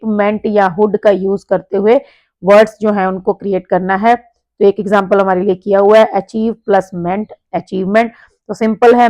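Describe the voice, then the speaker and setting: A woman teacher works through exam answers in a patient walkthrough. She reads the sentences slowly, then explains in Hindi, checking in often. Her voice sits at a medium pitch and is recorded close and dry. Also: darkish tone, dry recording, low-quality recording. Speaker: English teacher. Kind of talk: exam-prep lesson walkthrough.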